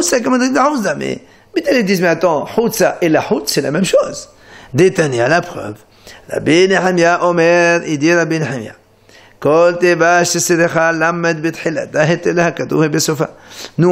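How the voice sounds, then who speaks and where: A man teaching a Talmud page to his students. His voice sits a little higher than most men's. He explains with animated emphasis and keeps restarting his sentences. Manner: animated explanation, many restarts, Hebrew terms. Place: Marseille study center.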